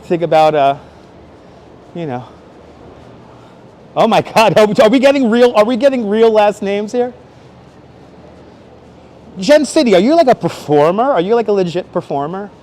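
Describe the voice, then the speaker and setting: A man hosting a casual livestream outdoors in Manhattan speaks in a high, expressive, slightly mellow voice, at normal speed and pausing often. He chats playfully and exclaims to viewers while exploring the busy streets; a wireless clip-on mic catches him over city noise.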